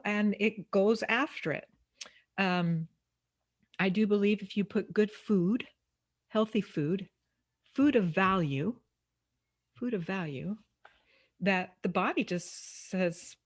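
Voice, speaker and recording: A woman hosts a relaxed interview in a chatty, meandering way. She fills her talk with ums and playful asides, and her voice sits at a middle pitch. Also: takes it slowly, pauses often. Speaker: interview host. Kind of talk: casual conversational interview.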